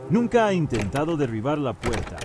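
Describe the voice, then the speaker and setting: Man acting out a frightened, desperate young man, swooping pitch. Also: very animated, brisk, music in the background, close to an everyday voice. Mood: scared, disbelieving. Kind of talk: dramatized horror story dialogue.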